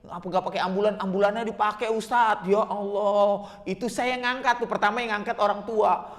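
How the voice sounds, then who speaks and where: A man with a rather high voice delivers a religious lecture, telling vivid stories and addressing his listeners as sir again and again. His voice carries a long reverb, as if recorded in a large hall. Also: fairly even intonation, fast talker, a bit bright. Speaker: religious teacher.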